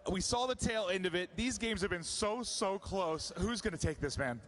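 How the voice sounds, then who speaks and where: High-voiced eager male esports interviewer. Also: moderate pace, a bit bright, a little hiss or hum. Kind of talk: casual on-site interview.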